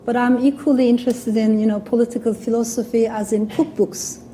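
Giving a thoughtful, earnest public talk as a guest speaker, a woman from Turkey speaks accented English as her second language, now and then restarting. Her dark-toned voice sits on the high side, with a flat, slightly fast delivery, and there's slight background noise.

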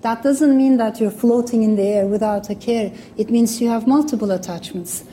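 Speaking as a guest at a public talk, a woman from Turkey uses English, her second language, in a Turkish accent. Her voice is fairly high and mellow and her pace moderate, and she sounds thoughtful and earnest despite small restarts. There's a faint hiss or hum.

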